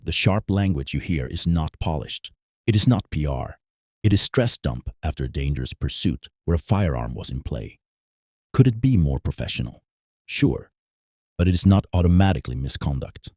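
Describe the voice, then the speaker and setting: Very deep and dark, slightly rough, and expressive, a man's voice delivers scripted analytical narration on police procedure in measured, emphatic tones. The recording is close and completely dry, and he stresses key points plainly and firmly.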